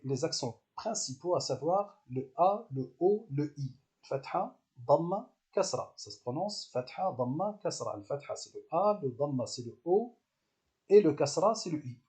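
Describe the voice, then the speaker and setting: Man, teacher, patient lesson delivery, repeats syllables, hesitant fillers, mellow tone. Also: a little high. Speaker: Arabic language teacher. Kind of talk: step-by-step lesson explanation.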